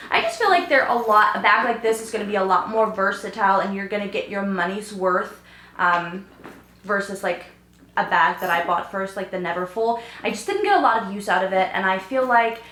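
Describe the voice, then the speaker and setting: A woman's voice: a little high, fairly bright tone. A young woman in a casual vlog who is losing her voice, chatting eagerly with many fillers. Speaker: fashion vlogger. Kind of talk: casual chat to camera. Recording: roomy home recording.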